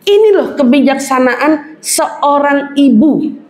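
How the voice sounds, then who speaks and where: A woman's voice: high-pitched, lively intonation, slow pace, darkish tone. A woman preacher giving a parenting lecture in a mosque, acting out mothers' lines and laughing often. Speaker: Islamic preacher. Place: mosque hall with audience. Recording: echoey hall, audience noise.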